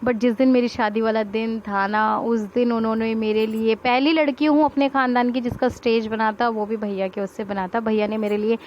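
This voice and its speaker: A woman's voice: on the high side, moderate pace, few pauses, lo-fi sound, a little hiss or hum. Chatty young woman telling family stories. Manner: chatty and animated, laughing often. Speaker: vlogger. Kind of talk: casual storytelling to camera. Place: at home with family around.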